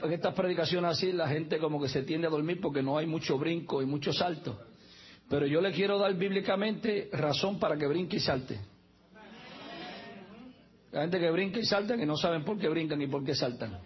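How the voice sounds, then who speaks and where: A man's voice: a little high, dull audio. A man preaching a sermon as pastor, mixing humorous asides with teaching and spelling out words letter by letter.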